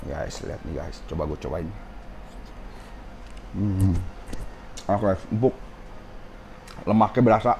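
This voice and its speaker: Brief: man vlogging at a ramen restaurant, low and mellow, chatty, slight sore throat, faint room noise. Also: animated, a little slow, creaky, pauses often. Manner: chatty, keeps saying guys, tastes as he talks. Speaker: food vlogger. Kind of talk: casual food review vlog.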